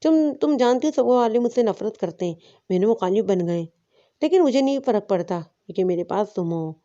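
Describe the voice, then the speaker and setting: A woman's voice: mid-range voice, expressive, warm tone, dull audio, natural voice. A woman voicing a scheming young husband who sweet-talks his wife. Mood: coaxing. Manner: sweet-talking, persuasive.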